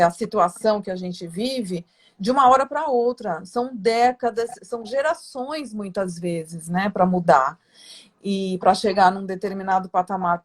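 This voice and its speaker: A woman from Santos, Brazil, hosting an interview in a chatty, rambling way, full of fillers and tag questions. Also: mid-range voice. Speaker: interview host. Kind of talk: casual interview chat.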